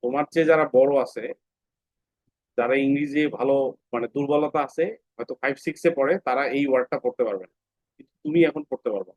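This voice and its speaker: A man's voice: medium pitch, darkish tone, no echo. Patient man teaching a classroom phonics lesson. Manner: patient, asks questions then answers them, repeats words slowly. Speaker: English teacher. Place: classroom with students. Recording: dull, dry lo-fi sound.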